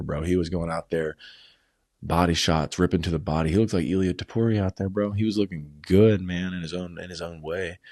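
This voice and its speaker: A man's voice: low-pitched, darkish tone, no echo, clean studio sound. A man casually recapping fight events at home, rambling and swearing, tossing in "bro" and "man" constantly. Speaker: combat sports vlogger.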